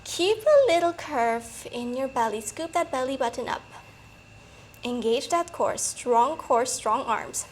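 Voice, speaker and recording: A woman coaching a workout in a peppy, encouraging manner, a little breathy from exertion. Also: sits high, expressive, a little slow, a little hiss or hum, low-quality recording. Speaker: fitness coach. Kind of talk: workout instruction.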